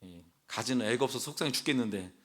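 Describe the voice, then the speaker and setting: A man's voice: mid-range voice, animated, fast, voice pushed down, lightly acted. A man voicing an exasperated ancient wife who grumbles sarcastically about her husband. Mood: sarcastic grumbling.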